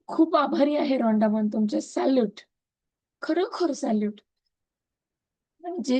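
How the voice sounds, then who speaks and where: Earnest woman chanting thanks, higher voice. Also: mellow, no room sound, rough recording. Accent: Marathi. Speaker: gratitude practice leader. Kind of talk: devotional gratitude recitation. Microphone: video call.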